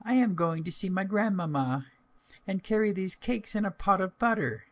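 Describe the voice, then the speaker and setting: A man's voice: sits high, animated, normal speed, pitched above the performer's own voice. A man voicing a sweet little country girl in a storybook, naive, polite and full of wonder. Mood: innocent, eager.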